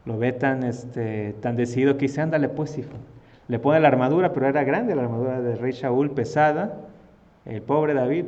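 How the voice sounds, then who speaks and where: Guy teaching a lesson, chatty, mellow voice, bit muffled. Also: medium pitch, big-room sound. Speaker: religious teacher. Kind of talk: lively storytelling lesson.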